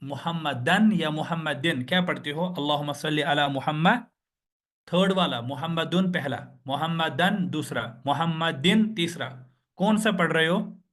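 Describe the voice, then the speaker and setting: A man gives a grammar lesson over a video call, speaking slowly and repeating words for his learners. His voice sits a little higher than most men's. He quizzes the class and then supplies the answer himself. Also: a bit bright. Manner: slow, patient, repeats and drills words; asks the class questions and answers them himself. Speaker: Arabic teacher.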